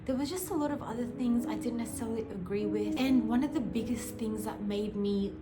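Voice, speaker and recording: A woman's voice: fairly high pitch, brisk. A young woman from Australia, telling her life story to camera in a casual, earnest way, full of "like" fillers. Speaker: vlogger. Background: music.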